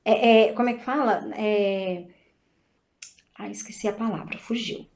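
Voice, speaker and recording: A woman's voice: medium pitch, fairly even intonation, unhurried, vocal fry, a little mellow. A woman from Brazil, a dance teacher, chatting casually and animatedly about her work, acting out quoted dialogue with frequent restarts. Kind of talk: casual chat.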